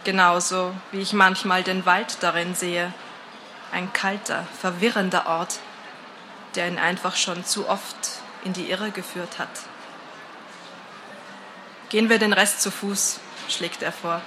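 A woman narrating a first-person story in a calm, measured, atmospheric reading. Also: lowish voice, noisy background.

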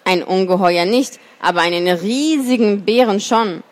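A woman's voice: medium pitch, measured pace, natural voice. A woman voicing a sly, frightened male fox who pleads and makes excuses in a storybook reading. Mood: pleading.

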